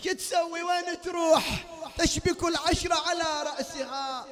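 A man reciting a mourning sermon in a hall, moving between spoken narration, wailing chanted verses and shouted outbursts. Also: very high-pitched, steady tone, moderate pace. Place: mourning hall before a gathering.

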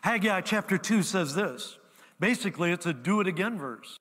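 Pastor guy preaching, bright sharp voice, lots of repeating and call and response, long church reverb. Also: sits high, lively intonation, normal speed. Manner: emphatic, repetitive preaching with congregation call-and-response. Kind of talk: sermon. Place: church sanctuary.

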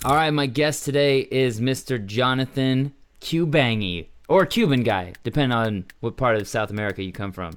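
Here the comedy host is smooth and animated, wisecracking his way through music news and a chat with his guest. He keeps a normal pace with few pauses, at a medium pitch.

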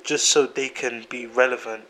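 A man chatting casually on a podcast, animated and slangy, repeating himself for emphasis. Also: mid-range voice, normal speed. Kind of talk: casual chat.

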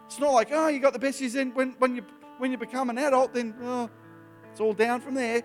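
High-voiced man preaching in a reverberant hall. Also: fairly quick. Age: 50s. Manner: animated, emphatic preaching with rising bursts. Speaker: youth preacher. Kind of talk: sermon to young people. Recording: live hall with long reverb, soft music behind.

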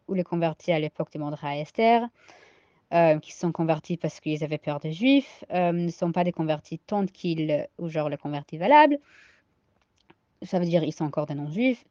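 A woman with an American accent and a cold teaches a Talmud page, reading each Aramaic phrase and then working out the translation with many hesitations. Her voice sits low and mellow. The recording is dry and dull, with a lo-fi sound. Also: no echo. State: sick with a cold. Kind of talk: daily Talmud lesson.

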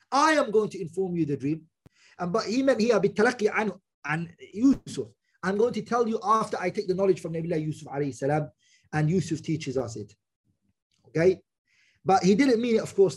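A man's voice: sits high, slightly rough. A man giving a religious lesson, explaining phrase by phrase, repeating himself and checking that listeners follow. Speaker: religious teacher. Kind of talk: Quran exegesis lesson with Arabic recitation and English explanation.

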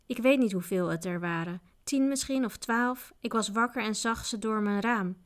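A woman's voice: mid-range voice, normal speed, lightly acted. A woman reading aloud, voicing a cowardly male inn servant who whimpers and cries out in pain. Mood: sullen. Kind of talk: audiobook character voice.

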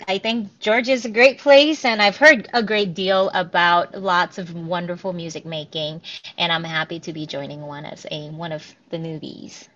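A woman's voice: on the low side, a bit bright. A woman in her thirties, a piano professor, chatting through an interview with many ums and restarts. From Korea, raised in New Jersey. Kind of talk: casual interview answers. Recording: dull lo-fi audio.

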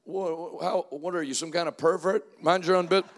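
A man's voice: on the high side, fairly even intonation, normal speed, slight background noise, voice pushed down, close to an everyday voice. A man voicing a grumpy older male TV viewer who snaps back indignantly at his television.

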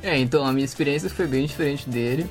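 A man's voice: medium pitch, fast, soft background music. Young man telling stories. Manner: storytelling, chatty. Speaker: exchange student guest. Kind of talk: casual podcast chat.

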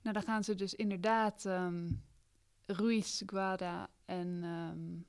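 A woman in a casual book discussion, answering thoughtfully with frequent pauses and fillers. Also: on the low side, steady tone, smooth, no room sound, clean studio sound. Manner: hesitant, many fillers. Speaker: discussion guest.

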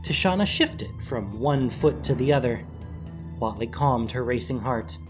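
Expressive storyteller narration, lively pitch, over a steady music bed. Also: unhurried. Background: background music.

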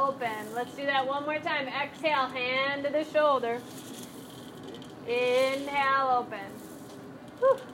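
A woman's voice: sits high, a bit bright, a little hiss or hum. A woman leading a live chair yoga class, cueing breaths and moves in a playful, encouraging way. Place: class room with group.

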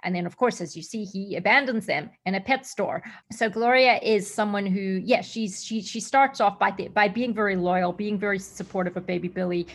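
A middle-aged actress from Zimbabwe and Australia, chatting in an interview with lots of fillers and restarts. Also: female voice, medium pitch, moderate pace, hardly any pauses. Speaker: actress guest. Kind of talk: casual interview answers.

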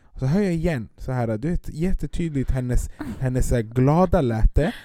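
A man's voice: mid-range voice, lively intonation, warm tone, a little hiss or hum. A young-sounding man telling a casual story about his baby with lots of fillers, speaking. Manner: laid-back storytelling with frequent fillers. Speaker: parent. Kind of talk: casual chat.

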